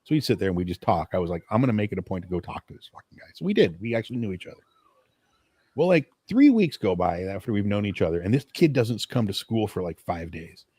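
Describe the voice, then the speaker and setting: A man's voice: on the low side, very animated, quick pace, mellow, husky, no room sound. A young man from Oregon co-hosting a casual late-night podcast, telling stories bluntly and swearing freely. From Portland, Oregon. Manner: storytelling, profane, blunt. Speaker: podcast co-host.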